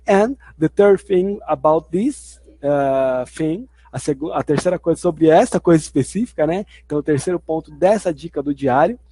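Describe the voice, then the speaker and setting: A man's voice: a little high, dark tone, no echo. A man teaching a video lesson in an explanatory way, restating each point twice. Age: adult. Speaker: language teacher.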